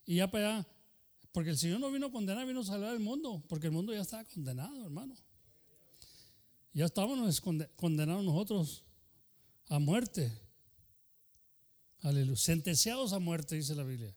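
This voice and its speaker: Man, pastor, fervent bilingual sermon, high voice. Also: lively intonation, normal speed, pauses often, darkish tone. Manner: switches between Spanish and English mid-sentence; fervent preaching punctuated by "aleluya" and "hermano".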